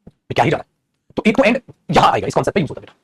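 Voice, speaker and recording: A man teaching English grammar in a lecture. He explains fast, calls his students "beta" and keeps asking if they follow. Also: on the high side, very animated, husky, no echo. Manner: rapid and explanatory, addresses students as "beta", often asks "theek hai?". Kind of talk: classroom lecture in Hindi mixed with English.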